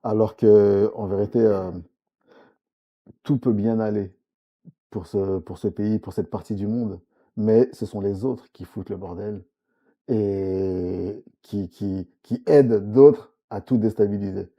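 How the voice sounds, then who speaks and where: A man's voice: on the low side, fairly even intonation, slow, dull audio. A man from Congo-Brazzaville, a comics author, speaking earnestly as a guest in a casual interview, with frequent restarts. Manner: earnest, many restarts and fillers, agrees often.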